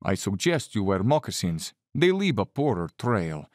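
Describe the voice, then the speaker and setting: An urbane Cossack general in an audio drama. His delivery is animated and courtly, with cold condescension under the polish. The sound is close and dry. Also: fairly low pitch, moderate pace, dry recording. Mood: briskly courteous.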